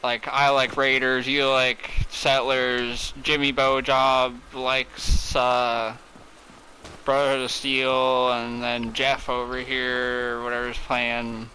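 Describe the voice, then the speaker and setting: A young man giving casual gameplay commentary, thinking out loud in a rambling way with plenty of filler words. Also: mid-range voice, completely flat delivery, takes it slowly, slight background noise, poor audio. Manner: rambling, filler-heavy brainstorming. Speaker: gamer.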